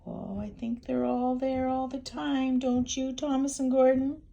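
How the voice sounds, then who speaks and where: An older woman with a fairly high voice reads a picture book aloud in a sweet, gentle grandmotherly way. She takes her time, going very slowly, and adds chatty asides for the little ones. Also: level tone, vocal fry, muffled recording. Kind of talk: storybook read-aloud with chatty asides to young children.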